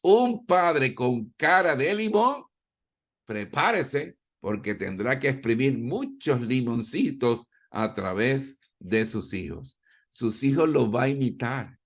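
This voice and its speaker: A man's voice: medium pitch, lively intonation, slow. A man from Ecuador giving a parenting talk, emphatic, repeating his key points and acting out short scenes between parents and children. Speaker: parenting speaker.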